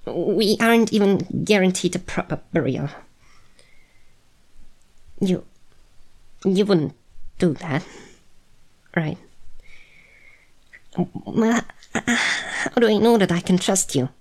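A woman's voice: fairly low pitch, animated, slow pace, long pauses, full character voice. A woman playing a proud but anxious snake-bodied monster woman in an audio role-play, speaking hesitantly and stammering to the listener. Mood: wary, distrustful.

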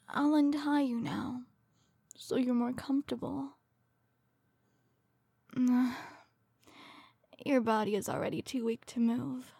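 A woman playing a coldly tender serial killer in a soft, breathy ASMR role-play, slowly soothing her victim as if comforting someone in her lap. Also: fairly high pitch, dry recording, exaggerated voice.

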